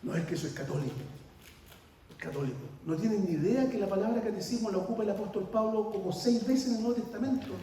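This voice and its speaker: A man's voice: high voice, fast talker, dark tone, slight background noise. A man preaching a sermon, emphatic and repeating key words, asking rhetorical questions. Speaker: guest pastor. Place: church. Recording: roomy church hall, distant mic.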